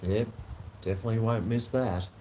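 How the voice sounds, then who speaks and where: A man's voice: on the low side, fairly even intonation, moderate pace, mellow. A man with a broad New Zealand accent chatting casually as a vlogger, rambling through anecdotes in a laid-back, slangy, sweary way. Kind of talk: casual rambling chat to camera. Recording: noticeable background noise.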